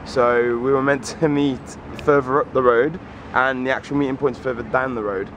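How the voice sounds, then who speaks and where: A man's voice: medium pitch, fairly even intonation, normal speed, fairly bright tone, dull audio. Chatty man vlogging outdoors. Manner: chatty, upbeat, jokey. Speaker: travel vlogger. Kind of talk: casual vlog narration. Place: outdoors, at a swamp tour site and on a boat. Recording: outdoor video with crowd noise. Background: crowd chatter.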